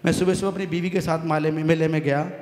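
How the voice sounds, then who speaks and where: A man with a north Indian Hindi accent performing stand-up comic poetry on stage, punchy and building to loud punchlines. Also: on the high side, flat delivery, fast talker. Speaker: comic poet. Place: large hall stage at a poets' gathering. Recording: echoey hall with long reverb.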